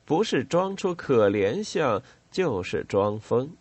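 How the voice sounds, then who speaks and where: A man's voice: medium pitch, very animated, takes it slowly, dry recording. A man reading an audiobook voices a blunt army sergeant who speaks dismissively.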